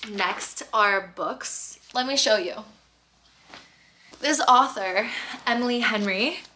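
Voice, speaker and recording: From her bedroom at home, a young female lifestyle vlogger chats casually to camera about her monthly favorites, upbeat and full of fillers. Her voice is fairly high, bright and forceful, and she takes it slowly. There's a little hiss or hum in the audio.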